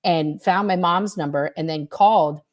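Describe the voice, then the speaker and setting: Lowish-voiced woman telling an animated story. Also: moderate pace. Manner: animated storyteller, frequent fillers and swearing. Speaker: guest, former member recounting experiences. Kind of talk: casual video-call conversation. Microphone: computer mic on a video call.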